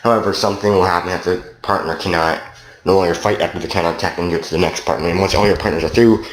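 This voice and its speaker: A man's voice: low-pitched, fairly even intonation, racing. A man from Canada giving a loose, meandering and profane game review in a casual tone. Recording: roomy echo, faint noise.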